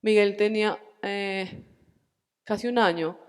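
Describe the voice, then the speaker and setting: A woman in her forties with a Colombian accent, telling a personal faith testimony at a church retreat, animated and acting out the dialogue. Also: mid-range voice, takes it slowly, clear, resonant tone, long reverb tail. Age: 40s.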